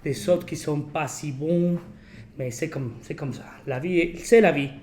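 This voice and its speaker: A man hosting a casual podcast in French as a second language, with a foreign accent and halting, searching phrasing peppered with English words. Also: a little high, crowd noise. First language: not French. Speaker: podcast host.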